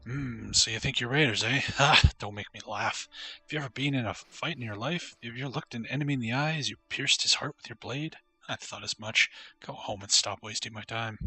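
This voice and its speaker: A sneering raider boss who brushes off newcomers, as a streamer reads him out. The voice is very bright and pushed louder than plain talk. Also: male voice, medium pitch, fairly quick, few pauses, slightly rough, exaggerated voice. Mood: scornful. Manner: sneering, dismissive. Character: scornful male raider boss.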